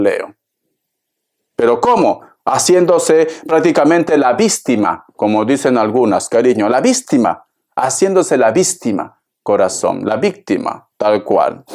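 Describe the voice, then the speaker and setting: Man, tarot reader, fairly high voice, theatrical, chatty, calls listener darling. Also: darkish tone. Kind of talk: tarot reading to camera.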